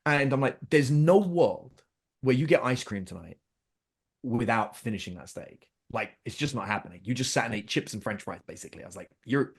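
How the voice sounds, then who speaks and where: This middle-aged podcast guest has a mid-range, expressive voice with a breathy edge and a slightly quick delivery. He chats casually about his family, playing out his own words and his children's in an animated way.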